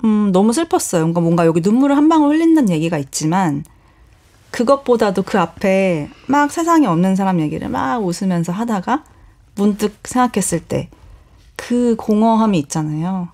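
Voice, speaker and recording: A woman novelist speaking as a radio guest in a studio, retelling a story in a thoughtful, gently earnest way. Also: medium pitch, lively intonation, fairly quick. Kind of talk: relaxed radio book talk. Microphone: studio microphone.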